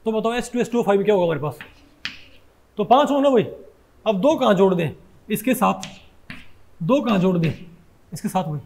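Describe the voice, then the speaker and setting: A man's voice: sits high, animated, moderate pace, gravelly, long pauses, darkish tone, slight background noise. A male chemistry teacher giving a lecture, who keeps throwing questions at his students and corrects himself as he goes. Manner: keeps asking students questions, often says "bhai"; corrects himself mid-sentence. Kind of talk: Hindi classroom lecture.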